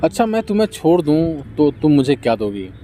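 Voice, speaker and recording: A simple, good-hearted young farmer, as a male storyteller puts him on, with a raised, coaxing voice. He speaks gently and with wonder, his tone mellow and warm, like a character in a read-aloud storybook. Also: on the high side, sing-song, brisk, a little hiss or hum. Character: simple hardworking young farmer Bhola, kindly.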